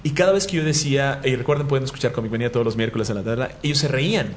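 Fast-talking man telling stories. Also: medium pitch, slight background noise. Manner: animated anecdotes with frequent laughter and restarts. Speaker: podcast co-host and event moderator. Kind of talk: casual storytelling chat.

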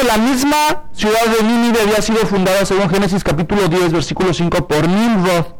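A male pastor, preaching in a fairly high voice. He speaks to his listeners in a direct, colloquial, animated way and stretches key words for emphasis. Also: slight background noise, rough recording. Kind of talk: sermon.

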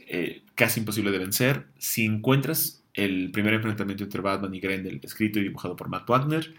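A man's voice: on the low side, vocal fry, fairly bright tone. A young man hosting a casual comics show, chatty with many fillers and restarts, answering viewer questions.

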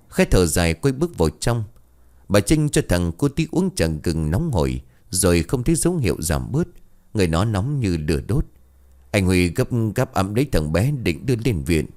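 A man narrating a ghost story in a lively, dramatic way. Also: on the low side.

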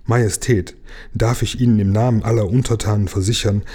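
Man doing a fawning, high-pitched courtier. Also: steady tone, brisk, mellow, breathy edge. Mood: lofty. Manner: fawning, lofty and overly formal. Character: eager, fawning old male courtier.

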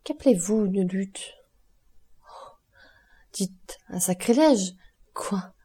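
A woman with a mid-range, mellow voice and a breathy edge reads slowly but animatedly for an audiobook. She voices a dutiful, anguished young noblewoman, sounding pleading and distressed.

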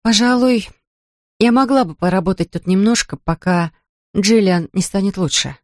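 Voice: medium pitch, moderate pace, no room sound, close to an everyday voice. A reader voicing a wry, stubborn young woman who teases lightly, read close to a dry studio mic.

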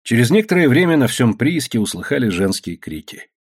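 A man's voice: medium pitch, sing-song, a little fast, breathy edge. A man narrating an audiobook in a dramatic storytelling manner.

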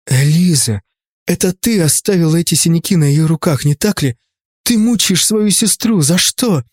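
A man's voice: on the high side, expressive, normal speed, a little mellow, no echo, studio quality. A man voicing a frightened young woman in an audiobook, pleading urgently. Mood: defiant.

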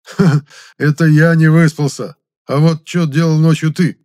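A man voicing a cheerful, nosy young man in an audiobook, talking in a lively, teasing way. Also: medium pitch, normal speed, voice pushed up, close to an everyday voice.

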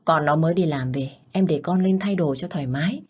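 A woman voicing a calm older father-in-law who soothes his wife gently. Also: low-pitched, a little fast, breathy edge. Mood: soothing.

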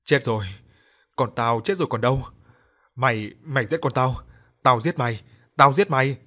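A man's voice: medium pitch, lively intonation, brisk, fairly bright tone. A man voicing a desperate father in debt, who pleads and cries out in an audio story. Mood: frantic, grieving. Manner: pleading, then screaming. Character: desperate grieving indebted father.

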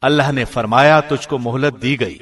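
With the polish of a professional radio presenter, a man reads a scripted scripture translation in a careful, formal, measured manner. His voice is mid-range and slightly bright, keeping a steady tone.

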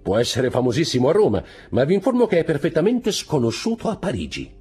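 A man's voice: fairly high pitch, wildly swooping pitch, fast, mellow, slightly rough, faint music behind, pitched above the performer's own voice, heavily acted. A man voicing a breezy, ironic young Parisian nobleman in an audiobook reading.

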